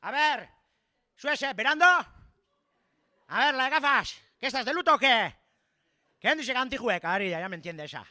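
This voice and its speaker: Man playing a cheeky Basque villager, Basque accent, rambling comic monologue, high voice, bright tone. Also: lively intonation, moderate pace, pauses often, no echo, studio quality, heavily acted. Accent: Basque Spanish. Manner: rambling, full of "eh?" tags, mixing Basque words. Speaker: comedian.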